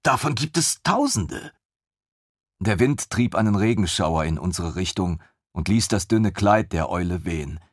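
A man reading a fantasy audiobook in measured first-person narration. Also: low-pitched, a little mellow, dry recording, clean studio sound. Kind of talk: scripted narration.

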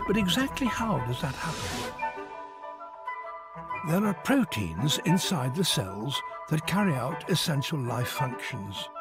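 Higher-pitched man narrating a nature documentary. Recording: music behind the voice. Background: background music.

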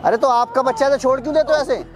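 Fast-talking young man in a park. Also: very high-pitched, steady tone, over a noisy crowd. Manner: urgent, scolding, talks fast with many repeats. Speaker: YouTube creator. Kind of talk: outdoor prank-style vlog. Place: outdoor public park.

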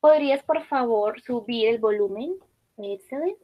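High, unhurried woman teacher. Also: muffled recording. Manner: patient, repeats and praises student answers. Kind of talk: online class teaching.

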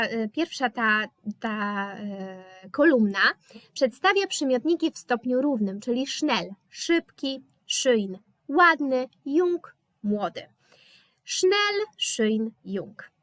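A woman's voice: fairly high pitch, a bit bright, no room sound, clean studio sound. A woman with a Polish accent teaching German in a live online lesson, explaining patiently with hesitant fillers.

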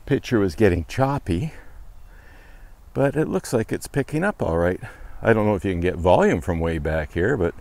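Low-voiced older man musing aloud outdoors. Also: lively intonation, normal speed, a little mellow. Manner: musing aloud to himself while walking. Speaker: vlogger testing camera gear. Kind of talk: casual off-the-cuff walking vlog. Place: outdoors on a wooded trail and roadside path. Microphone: wireless lapel mic and camera mic.

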